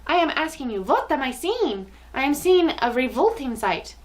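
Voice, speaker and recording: A woman's voice: high voice, big pitch swings, moderate pace, voice pushed up. A woman voicing a tyrannical witch queen with a harsh, guttural foreign accent who snarls, shrieks and rolls her Rs. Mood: furious, shrieking. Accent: harsh guttural foreign accent, odd W and rolled R.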